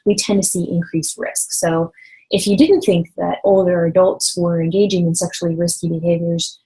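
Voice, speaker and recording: A woman in her thirties delivers a recorded university lecture in a slightly low voice. She explains patiently and stays engaged with her material, stressing key points as she goes. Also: level tone, moderate pace, warm tone, low-quality recording. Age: 30s. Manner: explanatory, engaged, occasional laughs.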